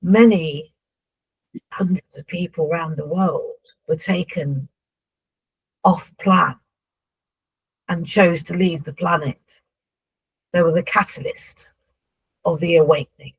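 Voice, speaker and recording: A woman speaking as a seance medium in trance, voicing a solemn, instructive spirit guide who addresses humans, with a husky voice. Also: fairly low pitch, steady tone, slow pace, long pauses, heavily acted, poor audio.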